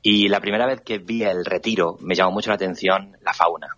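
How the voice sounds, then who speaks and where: A man's voice: sits low, steady tone, fairly quick, a bit bright, muffled recording, soft background music. A man in his forties from Toledo, a guest on a radio show, telling historical anecdotes with enthusiasm. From Spain (Toledo). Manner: enthusiastic, storytelling, explanatory. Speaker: guest, guided-tour historian. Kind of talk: radio interview.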